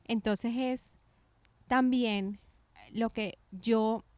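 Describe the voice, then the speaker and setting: Lady on a faith podcast, kinda high voice, chatty, keeps restarting lines, dry close mic. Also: extremely slow, no echo. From Colombia. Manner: animated storytelling with many restarts and self-corrections. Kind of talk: casual faith podcast chat.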